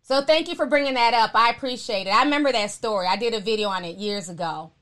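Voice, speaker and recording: A woman's voice: on the high side, fast talker, a bit bright. A woman hosting a live stream, chatting casually and answering viewer comments in a sassy, blunt, slangy, outspoken way.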